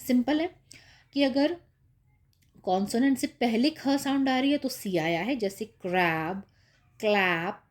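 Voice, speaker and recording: Woman teacher, unhurried, a touch high; patient, repetitive spelling lesson for small children. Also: a little mellow. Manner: patient, repeats with "ठीक है" and "है ना" checks. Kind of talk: explaining spelling rules to young kids.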